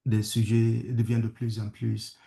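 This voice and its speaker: Halting and gravelly, this guest speaker is a conflict studies professor, a French man from Kenya with English as his first language. His mid-range voice is mellow and monotone, and his hesitant webinar presentation is full of fillers and restarts, captured over a video call in an echoey room.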